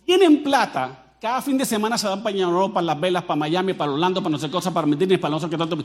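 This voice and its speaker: A Colombian pastor with a high-pitched voice delivers a lively sermon. He jokes with the congregation and speaks to them directly, with an animated delivery. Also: racing. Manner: animated and joking, addresses the crowd directly.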